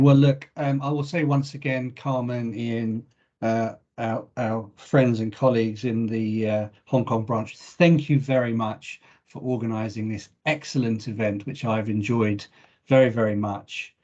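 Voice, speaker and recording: A man, the head of the institute, giving measured, reflective remarks on a webinar with small restarts. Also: medium pitch, fairly even intonation, a little mellow, lo-fi sound. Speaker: chief executive of the host institute. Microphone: video call.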